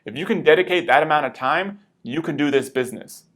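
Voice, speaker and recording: A man delivering a scripted, urgent sales pitch as a promotional voice-over. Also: expressive, quick pace, a bit bright.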